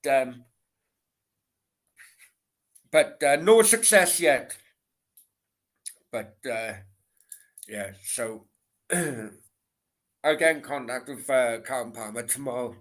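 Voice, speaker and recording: Bright-voiced sweary Welsh Valleys man. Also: on the high side. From Merthyr, south Wales. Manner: sweary, rambling, repeats himself. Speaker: livestream host. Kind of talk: casual late-night football Q and A chat.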